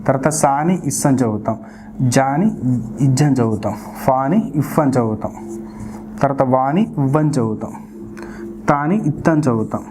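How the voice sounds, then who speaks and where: A woman's voice: extremely low pitch, normal speed, pauses often, background noise. A woman teaching a spoken English pronunciation lesson, patiently repeating each sound in a drill and explaining it directly to her learners.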